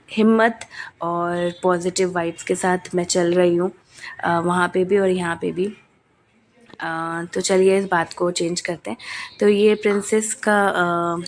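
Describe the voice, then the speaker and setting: A woman's voice: on the low side, a little hiss or hum. A young adult woman with a cold, narrating a family vlog in casual chat, with many hesitant fillers. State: coughing, has a cold. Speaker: family vlogger.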